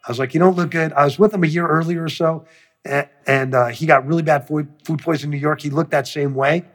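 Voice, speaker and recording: Husky-voiced man telling a story, swearing. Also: a little high, quick pace. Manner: profane, animated storyteller who acts out quotes. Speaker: music producer. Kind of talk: storytelling interview.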